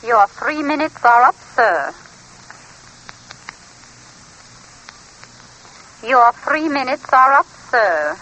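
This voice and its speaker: A woman's voice: high voice, big pitch swings, a little slow, pushed and bright, full character voice. A woman playing an impersonal long-distance telephone operator in a 1940s radio drama, formal, mechanical and repetitive. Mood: mechanical, insistent. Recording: faintly noisy vintage radio recording.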